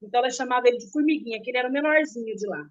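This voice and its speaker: A middle-aged woman telling a painful personal story in an interview, slow and earnest, often stopping and repeating words. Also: on the high side. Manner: halting, with restarts and repeated words. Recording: dull, muffled recording.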